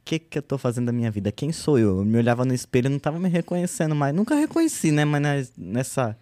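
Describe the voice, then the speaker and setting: A man in his thirties, a guest artist in a relaxed podcast chat, telling his story with slang and lively quoted speech. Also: mid-range voice, quick pace, no echo. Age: 30s.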